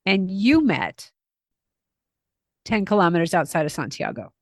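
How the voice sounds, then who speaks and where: A woman's voice: lowish voice, big pitch swings, measured pace, no echo, studio quality. A woman hosting a podcast interview who recaps and clarifies her guest's story. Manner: brief affirmations, recaps the story. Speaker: podcast host.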